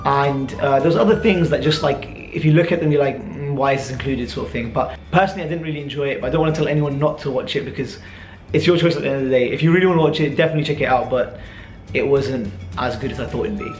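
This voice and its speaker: A young adult man with a British accent, born and raised in the UK but a teenager in Dubai, casually answers viewer questions to camera in a vlog. He talks at a racing pace in a medium-pitched voice, in a reverberant space with faint music behind.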